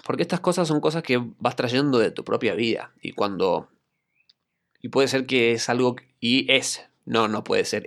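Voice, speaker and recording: On his solo podcast, a man with an Argentine Spanish accent and a lowish, gravelly, slightly bright voice reflects on a personal anecdote. He's an acting coach, and his tone is conversational.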